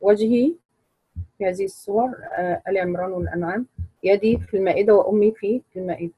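A woman teaching a Quran recitation class, explaining rules in a measured way and quizzing her students. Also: mid-range voice, lively intonation, husky, dry recording, highs cut off.

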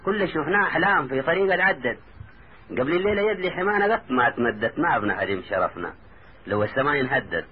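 A man's voice: mid-range voice, lively intonation, quick pace, breathy edge, narrow, tinny audio, voice pushed up. A man with a Sudanese Arabic accent voicing a brave, proud young man who declaims rhymed verse.

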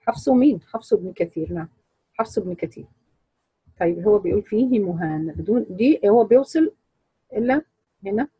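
Woman teacher, dry close sound, measured explainer who quizzes the class. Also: medium pitch, expressive, husky, no room sound, muffled recording. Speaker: Quran recitation teacher.

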